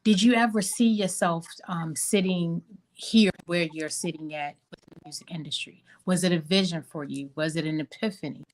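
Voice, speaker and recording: A woman's voice: fairly low pitch, normal speed, slight background noise, poor audio. A woman hosting a podcast interview, asking questions with a hesitant manner and many fillers. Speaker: podcast host.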